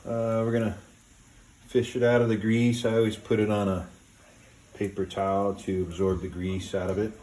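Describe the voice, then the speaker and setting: A man hosting a casual cooking video in a home kitchen, talking step by step in a relaxed, plain way with many "uh"s and "um"s. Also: lowish voice, moderate pace, a little hiss or hum. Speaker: home cooking show host.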